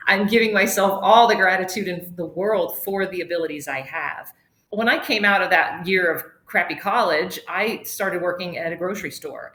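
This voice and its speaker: A woman's voice: fairly low pitch, fairly bright tone. A middle-aged woman giving a casual webinar talk as a yoga instructor, chatty and digressive, laughing often. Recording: roomy echo.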